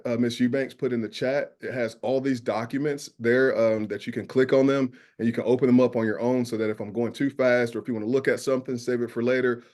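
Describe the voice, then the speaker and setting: A man from New York with a Southern drawl, a school safety specialist presenting a webinar, earnest and filling pauses with "uh". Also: mid-range voice, darkish tone. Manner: earnest, many "uh" fillers.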